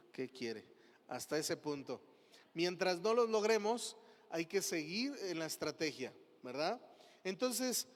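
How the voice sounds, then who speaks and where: Mexican preacher guy, high voice, keeps asking the crowd questions, echoey hall. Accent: Mexican Spanish. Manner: preaching with rhetorical questions to the congregation. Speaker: pastor. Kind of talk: sermon. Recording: long hall reverb.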